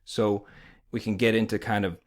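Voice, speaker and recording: Male language teacher, lower register, informal instruction, slowly repeated examples with flapped and rolled R's. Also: flat delivery. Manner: demonstrates flapped and rolled R sounds.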